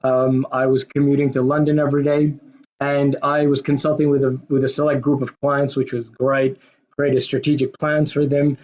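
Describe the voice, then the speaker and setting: A man's voice: on the high side, a little mellow. Man with an American accent, muffled call. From Pakistan. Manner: self-deprecating, wry. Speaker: guest speaker. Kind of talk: conversational presentation.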